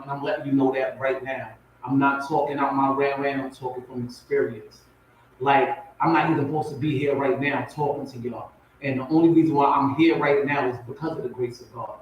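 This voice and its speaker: Speaking at a medium pitch, a man raised in Compton, California and Portmore, Jamaica tells his own story informally as a spoken word poet guesting on a talk show. He's emphatic and repeats phrases for weight in this personal testimony. The recording is very echoey, distant and noisy.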